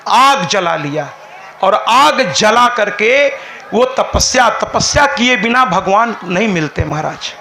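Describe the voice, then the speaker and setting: A man's voice: sits high, bright, forceful tone, reverberant, a little hiss or hum. A male preacher telling a scripture story at a live devotional gathering, repeating phrases for emphasis and addressing listeners as maharaj. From India. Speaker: katha preacher.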